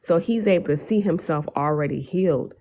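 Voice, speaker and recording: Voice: mid-range voice, a little fast, slight background noise. A guest on a live stream talking earnestly and at length. The sentences wander and fill up with "you know" and "um". The audio sounds dull and lo-fi. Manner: earnest, meandering, frequent fillers. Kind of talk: casual conversation.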